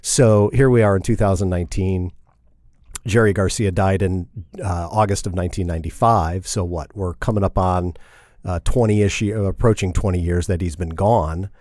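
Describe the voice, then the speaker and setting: A middle-aged man from Indiana chats as a podcast guest in a casual interview, rambling, repeating and correcting himself. His voice is low and steady with a slightly mellow tone at a moderate pace, captured in a dry, studio-quality recording.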